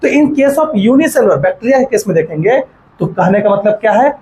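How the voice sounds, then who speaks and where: A man's voice: high voice, expressive, mellow, slight background noise, low-quality recording. A man teaching biology in a classroom-style lecture, asking rhetorical questions and checking that students follow. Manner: mixes in English terms while dictating notes slowly.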